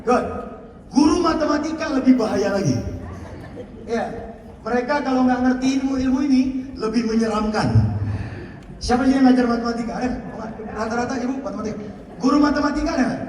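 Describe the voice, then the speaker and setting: A man leading a seminar for teachers, energetic and drilling them with call-and-response, stretching key words slowly for emphasis. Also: extremely high pitch. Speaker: teacher trainer. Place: school hall. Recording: echoey hall picked up from far off.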